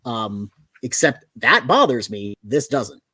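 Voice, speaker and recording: A man's voice: mid-range voice, very animated, slow, pushed and bright, slightly rough, dry recording. A man in casual chat, animatedly retelling a comic book's plot on a video call. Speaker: co-host of a comic book show.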